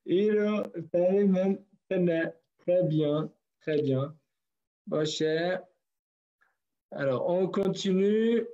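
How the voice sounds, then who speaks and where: Patient male language teacher on a video call, slow and mellow, dull lo-fi sound. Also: high-pitched. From northern Kurdistan. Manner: patient, repeats words slowly for students. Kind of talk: online class. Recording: dull lo-fi online call audio.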